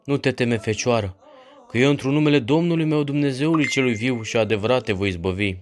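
A man voicing a calm, fearless warrior saint in a read-aloud legend, speaking firmly and reassuringly. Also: medium pitch, close to an everyday voice. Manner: firm, reassuring.

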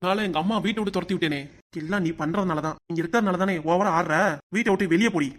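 Hot-tempered cartoon husband, voiced by a performer; southern Tamil Nadu accent, fast and demanding. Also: mid-range voice, lightly acted. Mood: furious. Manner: demanding, quarrelsome. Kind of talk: cartoon comedy sketch acting.

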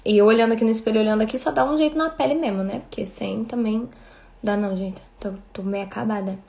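A woman's voice: a little high, fast talker, gravelly, darkish tone. A woman in her thirties with a Brazilian accent, chatting casually on a livestream and thanking viewers by name. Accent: Brazilian Portuguese. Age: 30s. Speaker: livestream host.

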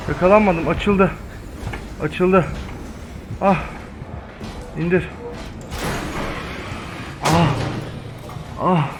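A man's voice: fairly high pitch, noisy background. A man in his twenties from Turkey giving let's play commentary, jumpy and swearing a lot, with frightened outbursts. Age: 20s. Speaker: gaming channel host.

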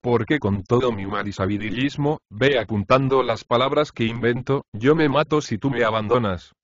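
A man's voice: mid-range voice, no room sound. Man reading a novel aloud, dry and dull. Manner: expressive, measured first-person reading. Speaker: audiobook narrator. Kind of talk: scripted reading of letters from a novel. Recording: slightly dull, lo-fi dry recording.

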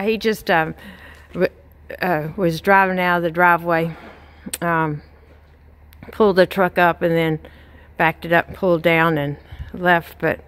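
Filming on a handheld phone beside the chicken pen, a middle-aged Texas farm vlogger with a Southern accent chats casually, folksy and loaded with fillers. Her voice sits on the low side with a fairly bright tone.

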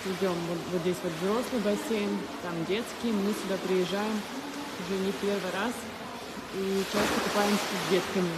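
Excitable vlogging mother at an indoor pool, phone-camera sound, echoey hall, loud noise. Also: mid-range voice, moderate pace. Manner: chatty, excited, exclaiming. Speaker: mother filming a family vlog. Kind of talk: casual vlog narration. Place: large indoor swimming pool. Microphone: handheld phone camera.

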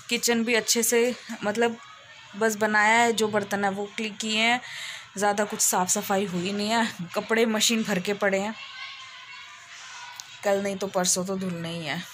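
A woman's voice: medium pitch, little pitch movement, normal speed, a bit bright, a little hiss or hum. A woman narrating her day in a casual home vlog, telling it in a chatty, rambling way. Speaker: vlogger.

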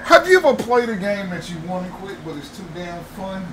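Profane, excitable man yelling at a game. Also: high-pitched, brisk, slight background noise. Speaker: gaming commentator. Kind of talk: casual gameplay commentary. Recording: game music loud behind voice. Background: game music.

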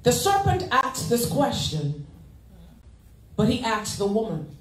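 A woman associate pastor preaching a sermon, animated, with congregation call-and-response. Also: a little high, slow pace. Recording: echoey church sanctuary.

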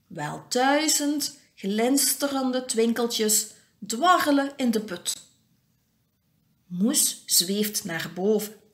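A woman reading a children's picture book aloud with expressive, animated storytelling. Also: a little high.

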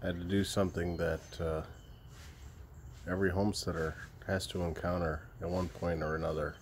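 A man in his thirties vlogging outdoors in a rural backyard, talking in a subdued, halting way with frequent pauses, into a phone held at arm's length. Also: sits low, flat delivery, a little hiss or hum. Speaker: homestead vlogger. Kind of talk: casual vlog talk. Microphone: phone camera held at arm's length.

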